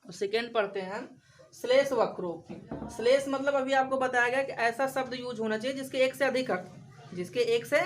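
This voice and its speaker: A woman's voice: on the high side, brisk, slight background noise, rough recording. A woman teaching a grammar lesson for exam preparation, repeating examples and questioning her class.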